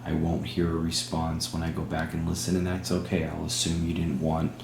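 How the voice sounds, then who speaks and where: A man hosting a spirit box session, speaking in halting short phrases and putting questions to a spirit. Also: rumbling low, monotone, gravelly. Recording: roomy echo with humming background noise.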